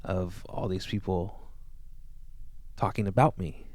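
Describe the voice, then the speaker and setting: A man hosting a casual podcast chat, rambling and trailing off softly. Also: deep voice, steady tone, slow pace, no echo. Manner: rambling, laid-back, often trails off quietly.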